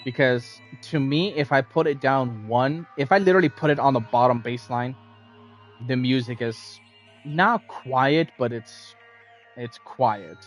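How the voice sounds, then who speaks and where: A man's voice: medium pitch, measured pace. A man with a mid-range voice streams a game in a casual way. He chats to viewers and reads aloud, with faint game music underneath.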